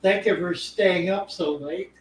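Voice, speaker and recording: A man's voice: high-pitched, unhurried. An older man hosting a live stream, giving short encouraging replies and practical fishkeeping advice. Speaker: host. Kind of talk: live-stream casual chat. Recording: roomy echo, faint background noise.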